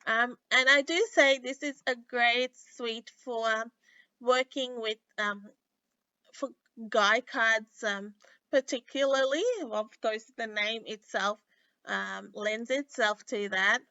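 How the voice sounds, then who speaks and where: A woman hosting a casual live craft tutorial, sounding nasal and a little sick, chatting in a halting way with many pauses. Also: fairly high pitch, fairly even intonation, sharp tone, smooth, dry recording. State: under the weather with a stuffy, sick-sounding voice. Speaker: host of a weekly craft livestream. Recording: dull, lo-fi livestream audio.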